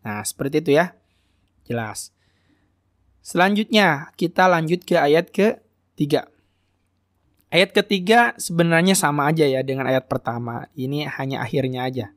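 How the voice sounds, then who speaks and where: A man teaching Quran recitation rules, patiently modelling each sound slowly and correcting common mistakes. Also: on the high side, fairly bright tone, no room sound, studio quality. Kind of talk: tajwid lesson, explaining and modelling recitation.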